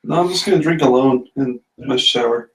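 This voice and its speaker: A man's voice: medium pitch, fairly quick, a bit bright, low-quality recording. A man from a band casually chatting on a studio livestream, cracking dry, self-mocking jokes. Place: recording studio with drums being tracked.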